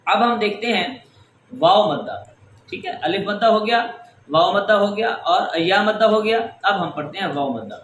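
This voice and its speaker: A man's voice: sits high, lively intonation, fairly bright tone, slight background noise. A man teaching tajweed, patiently explaining each rule step by step and stretching out example words. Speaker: Quran recitation teacher. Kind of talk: tajweed lesson. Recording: echoey room with faint ambience.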